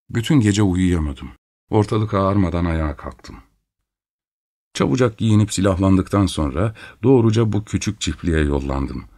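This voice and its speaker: A man narrating a first-person story in a measured storytelling voice. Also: low-pitched, a little mellow. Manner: measured storytelling, voicing characters' lines.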